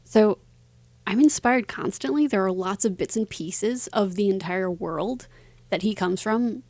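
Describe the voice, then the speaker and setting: Being interviewed about her writing, this woman answers thoughtfully and conversationally, though her phrasing halts at times. The recording has no echo, and her voice sits in the mid range with a touch of mellowness.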